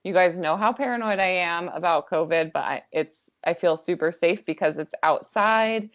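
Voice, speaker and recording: A woman co-hosting a podcast in casual chat, warmly supportive and quick to laugh. Her voice sits fairly low for a woman. The recording sounds dull and lo-fi. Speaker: podcast co-host.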